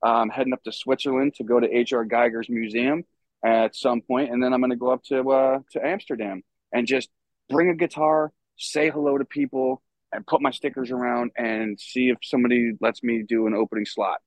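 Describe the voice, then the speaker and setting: A man's voice: mid-range voice, steady tone, fairly quick, dry recording, poor audio. A man from New York, a guest on a podcast, telling stories in a loose, rambling way with lots of fillers and casual swearing. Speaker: podcast guest, stagehand and musician. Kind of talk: casual storytelling chat.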